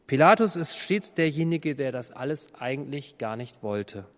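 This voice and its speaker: A man's voice: medium pitch, animated, moderate pace, in a large hall. A man reading a Bible passage aloud and then commenting on it as a preacher.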